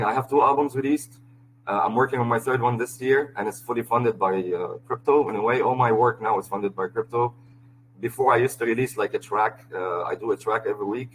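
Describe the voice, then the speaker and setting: Guy, deepish voice, laid back, chatting in an interview w/ lots of uhs. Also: a little hiss or hum, low-quality recording. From Lebanon. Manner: relaxed storytelling with frequent "uh" fillers. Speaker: musician guest. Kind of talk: casual interview over a voice call.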